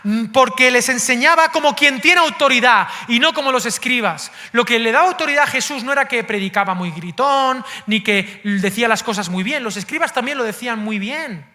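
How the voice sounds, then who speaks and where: Man from spain preaching, super high voice, really bright and sharp, goes loud then drops to a near hush. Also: fairly quick, hardly any pauses. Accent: Spain Spanish. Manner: animated, swings between loud emphasis and hushed asides; addresses the congregation directly and playfully. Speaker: pastor. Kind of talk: sermon.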